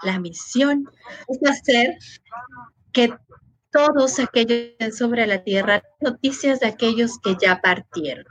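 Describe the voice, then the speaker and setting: A woman, a guest storyteller, telling a legend slowly and gently on a talk show. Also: fairly high pitch, husky, dry recording, rough recording. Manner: slow, gentle storytelling cadence.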